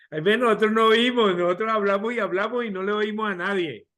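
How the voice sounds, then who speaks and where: A man teaching an online Bible study class, talking slowly, repeating and restarting words, and putting questions to his students over a video call. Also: high-pitched, fairly bright tone.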